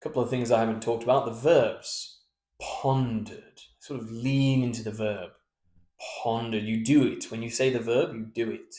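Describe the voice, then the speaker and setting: A man coaching verse speaking, explaining meter and stress and breaking into hushed read-aloud examples. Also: mid-range voice, steady tone, reverberant. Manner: breaks into slow, hushed recitation to demonstrate; chanting rhythm syllables to show meter. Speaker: voice and speech coach.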